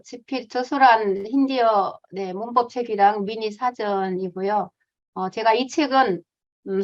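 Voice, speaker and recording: Earnest woman missionary giving a talk. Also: mid-range voice. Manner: earnest, emotional storytelling with many fillers. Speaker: missionary teacher. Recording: dull lo-fi sound.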